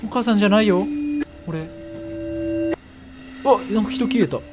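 A man with a Kansai accent, commentating a horror game, excitable and jumpy with loud reactions. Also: high-pitched, moderate pace, background noise. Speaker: gaming streamer. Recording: game music playing behind.

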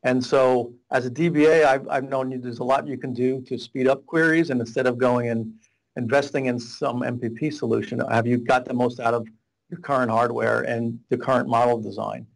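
His voice is mid-range and creaky, steady in tone and moderate in pace, captured in low quality through a video call webcam. A middle-aged data warehouse architect, he rambles through a casual interview from a small whiteboard office, restarting frequently and gesturing as he explains.

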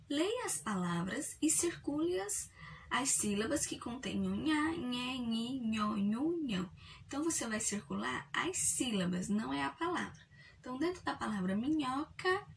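Brazilian woman, teacher, slightly high voice, patient syllable-by-syllable delivery, mic set back from her. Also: distant mic, a little hiss or hum. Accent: Brazilian Portuguese. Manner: slow, clearly spelled-out syllables for young learners. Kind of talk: recorded video lesson for young children.

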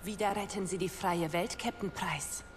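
A woman's voice: mid-range voice, steady tone, normal speed, a little hiss or hum, close to an everyday voice. An actress in a German video game dub playing a steely, guarded young female militia leader, earnest and firm. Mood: guarded, resolute. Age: young adult. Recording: music behind the voice.

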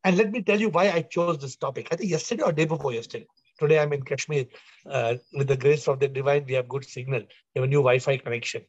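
On a video call with slightly dull audio and no echo, a man leads an online discussion as a spiritual teacher. His mid-range voice moves at a quick pace, emphatic and full of repeated phrases, as he delivers a discourse and puts questions to his listeners.

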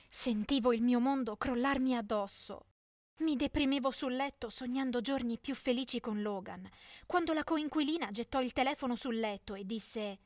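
A woman's voice: sits high, no echo, studio quality. A young woman telling a dramatic first-person teen story in scripted narration.

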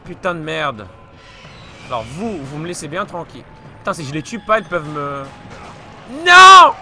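Young male gamer, slightly ill, animated, cursing and yelling through gameplay over game music. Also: fairly high pitch, a little fast. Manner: swearing, frustrated outbursts and shouts. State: still a bit ill. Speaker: let's play gamer. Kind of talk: live gameplay commentary. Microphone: desk mic.

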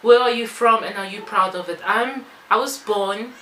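Speaking at a moderate pace in a mid-range voice with a bright, forceful tone, the beauty vlogger chats casually and rambles into asides while applying makeup during a tutorial and Q&A. Born in Belgium, she moved to South Africa. Her small bare-walled room yields an echoey recording with some background noise.

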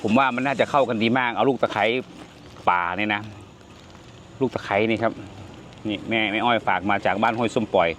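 A man's voice: lowish voice, a little fast, a bit bright, slight background noise. An older man, hosting a casual cooking vlog and chatting while he tastes the food. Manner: chatty, exclaims over food while tasting. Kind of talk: casual cooking and tasting talk.

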